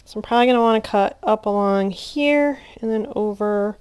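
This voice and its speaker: A woman's voice: medium pitch, normal speed, darkish tone, clear, resonant tone. A woman casually narrating a craft tutorial at home, chatty and rambling with plenty of fillers and restarts. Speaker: crafter teaching junk journal making.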